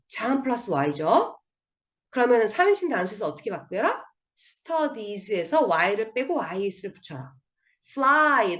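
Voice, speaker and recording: A woman teaching English grammar in a recorded online lecture over slides. She asks her students questions and then answers them herself, and she drills word forms one by one. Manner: drills word forms with strong rise and fall in pitch.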